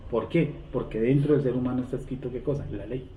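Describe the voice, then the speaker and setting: A man's voice: medium pitch, fairly even intonation, fast talker, slight background noise. A man teaching a Bible lesson to a class, often asking a question and answering it himself. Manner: asks the class rhetorical questions and answers them. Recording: tinny, echoey room, distant mic.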